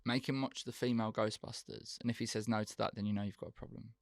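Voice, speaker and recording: A man's voice: fairly low pitch, quick pace, gravelly, dry recording, studio quality. A young man co-hosting a comedy podcast, teasing and joking in casual banter. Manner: jokey, teasing, animated.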